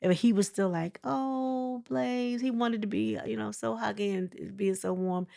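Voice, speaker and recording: A woman's voice: medium pitch, a little fast, vocal fry, warm tone, no echo, clean studio sound. Chatty woman rambling through celebrity gossip. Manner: rambling, filler-heavy with frequent restarts; chatty and conversational. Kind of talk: casual commentary.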